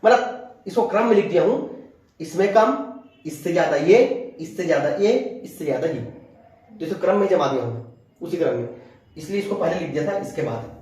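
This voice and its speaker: A man teaching a class, repeating each point slowly so students can write it down. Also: on the high side, lively intonation, a little mellow. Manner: repeats and dictates slowly for note-taking. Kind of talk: classroom lecture dictating notes. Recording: very echoey room.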